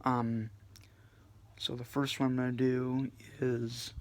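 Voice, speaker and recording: A man giving a casual music review in a subdued, flat way, full of hesitations and fillers. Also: mid-range voice, slow. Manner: hesitant, many fillers and restarts.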